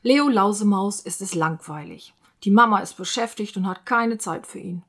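A woman reading a children's storybook aloud in a clear, expressive, gentle way. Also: medium pitch, moderate pace.

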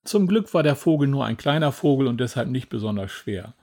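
A man reading a children's storybook aloud in a gentle, even manner. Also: mid-range voice, a little fast. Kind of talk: scripted storybook narration.

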